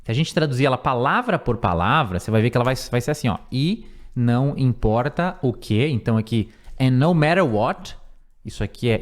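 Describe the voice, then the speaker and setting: A man teaching English phrases in a screen-recorded lesson, patiently repeating words and slowing down for each example. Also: mid-range voice. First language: Portuguese. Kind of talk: language lesson explaining phrases.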